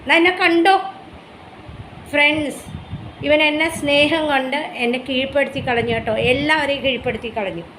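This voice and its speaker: High-voiced doting Malayali woman. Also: fairly quick, sharp tone. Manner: doting baby talk mixed with chatty asides. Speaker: vlogger showing her pet dog. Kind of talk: casual home vlog, cooing to her dog. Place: home, kitchen area. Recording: echoey home room with faint background noise.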